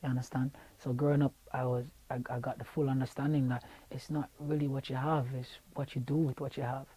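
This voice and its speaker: In a relaxed radio-studio interview, a young adult Jamaican singer chats easily, with lots of fillers and words said twice, picked up by a lapel mic. His medium-pitched, mellow voice has a breathy edge and a flat, slightly quick delivery. There's no echo, though the recording is rough.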